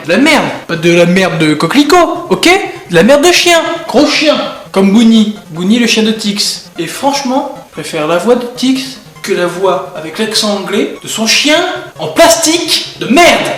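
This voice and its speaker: Young male vlogger, high-pitched, rambling and goofy, echoey room with faint music. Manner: goofy, rambling, jumping from topic to topic; bursts loud at times. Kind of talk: rambling comedic vlog.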